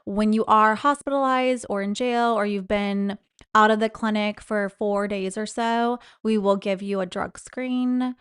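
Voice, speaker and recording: Smooth-voiced woman telling a story. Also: no room sound, studio quality. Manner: animated storyteller, mimics people with high voices. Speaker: guest, former clinic employee. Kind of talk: casual storytelling chat.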